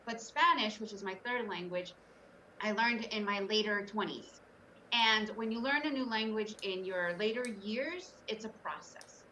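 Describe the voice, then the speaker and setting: A middle-aged trader born in the Soviet Union and raised in the US tells her story as a guest on an interview podcast, earnest, candid and emphatic. Her mid-range voice is unhurried and sharp, heard far from the mic in a low-quality recording with slight background noise.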